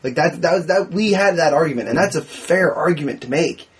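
A man in a casual movie discussion, talking in an animated, argumentative way with quick restarts. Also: on the high side, husky. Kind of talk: casual movie podcast chat.

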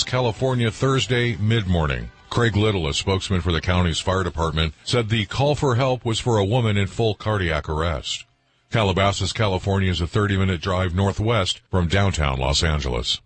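A man's voice: lowish voice, brisk, a little hiss or hum. A man with an American accent reading a scripted radio news bulletin as the anchor.

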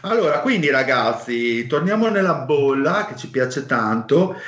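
A man hosting a basketball podcast, steering the chat in a relaxed way with fillers. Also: medium pitch, unhurried, echoey room. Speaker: podcast host. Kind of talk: casual chat, leading discussion.

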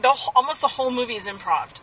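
Woman, podcast co-host, casual chat, enthusiastic, bright higher voice, set back from the mic. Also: animated, rapid-fire, far from the mic, a little hiss or hum, low-quality recording. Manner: enthusiastic, chatty.

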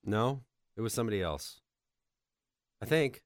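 A man's voice: fairly low pitch, animated, normal speed, no echo, studio quality. A man with a nasal, stuffed-up voice from a cold, co-hosting a podcast in casual, joking chat about games. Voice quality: nasal, congested. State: under the weather with a cold, occasional cough. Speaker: podcast co-host.

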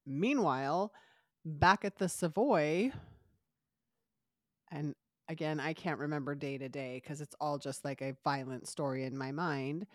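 A woman with a stuffy cold talks through a soap opera recap in a casual podcast chat, her voice pitched on the low side. She tells the story with animation and jumps into the characters' lines as she goes. The recording is close and dry, with no room sound. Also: measured pace, dry recording. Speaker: podcast co-host.

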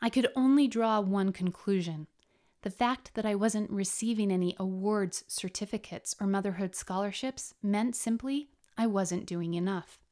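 A woman reads a personal memoir as scripted narration. Her voice sits at a medium pitch for a woman, and she shapes the literary sentences in a measured, expressive way. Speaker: author narrating own memoir. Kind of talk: scripted audiobook-style narration.

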